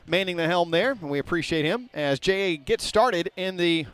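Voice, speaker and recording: A man's voice: sits high, expressive, moderate pace, a bit bright, clear, resonant tone, no room sound. Folksy man calling a basketball game. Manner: folksy, rambling, talks to viewers directly. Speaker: play-by-play announcer. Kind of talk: high school basketball commentary. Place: small school gymnasium.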